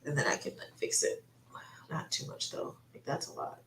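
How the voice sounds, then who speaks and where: A woman's voice: moderate pace, a bit bright, a little hiss or hum. A woman with a stuffy nose, breathing through her mouth, rambling casually and thinking aloud as she livestreams. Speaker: artist livestreamer chatting while painting. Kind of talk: casual chat. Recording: roomy, echoey sound.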